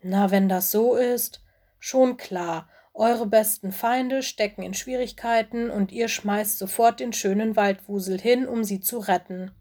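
A woman's voice: medium pitch, unhurried, warm tone. A woman voicing a sulky, stubborn young female forest animal. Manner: dismissive, sulky.

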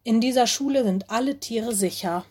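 A woman voicing a calm, kindly female cat headmistress in a storybook, speaking slowly and reassuringly. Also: fairly high pitch, slight background noise, natural voice.

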